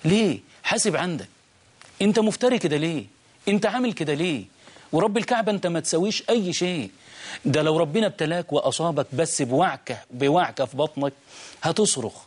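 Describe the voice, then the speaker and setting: A man with an Egyptian Arabic accent preaches at a rapid clip, his voice set a little high for a man. He tells a moral story with emphatic, fervent appeals, as a sheikh hosting a call-in show. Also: slightly rough.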